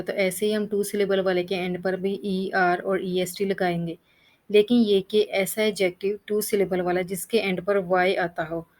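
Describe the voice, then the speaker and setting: A woman's voice: mid-range voice, darkish tone. A woman teaching English grammar, explaining rules step by step, spelling out letters and reading lists of word forms. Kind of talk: Hindi-language grammar lesson.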